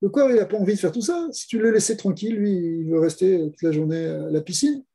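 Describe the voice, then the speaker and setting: A man's voice: high-pitched, fast talker, creaky, mellow, slightly rough. A man, a rabbi, giving a Torah lesson, explaining step by step with rhetorical questions and repeated key words. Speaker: rabbi teaching.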